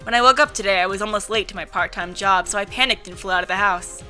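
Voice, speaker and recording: A woman's voice: mid-range voice, quick pace, bright, forceful tone, soft background music, close to an everyday voice. A woman voicing an easygoing, careless and apologetic man in his early twenties in an amateur visual novel voice-over. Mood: sheepish. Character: twenty-three-year-old grandson, careless, apologetic, easygoing.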